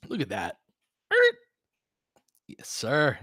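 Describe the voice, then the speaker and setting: A man with a medium-pitched voice that swoops wildly up and down speaks slowly, his tone bright and forceful. He hosts a basketball film-room audio stream, giving casual live play-by-play and analysis, chatting informally with listeners and cheering the players on like a fan. The recording is clean studio sound with no room sound.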